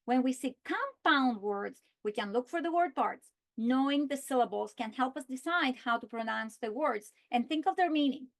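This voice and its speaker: Speaking in a fairly high, expressive voice, a female teacher trainer gives teachers an instructional walkthrough of a reading lesson plan with a modeled script. Her delivery is slow and deliberate, with key words stretched out as she models them.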